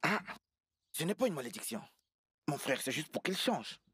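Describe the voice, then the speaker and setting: A man's voice: a little high, sing-song, moderate pace, pushed and bright, slightly rough, no room sound, studio quality, full character voice. A man dubbing a village man gossiping about the prince in a dubbed film. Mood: gossipy.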